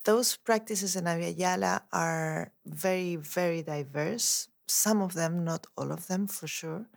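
Woman, dance-maker in interview; low-ish, gravelly, thoughtful. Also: unhurried. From Chile. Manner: thoughtful, searching for words. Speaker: dance artist. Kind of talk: reflective interview monologue.

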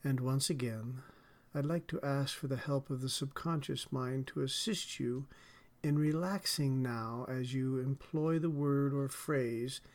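Man guiding a slow relaxation session. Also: medium pitch. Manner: soothing, deliberate, measured phrasing. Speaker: podcast host and relaxation guide.

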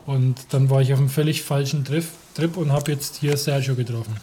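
A man's voice: mid-range voice, fairly even intonation, brisk, background noise. A man from Germany in casual conversation as a podcast co-host, chatty, easily sidetracked, laughing often. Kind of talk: casual chat.

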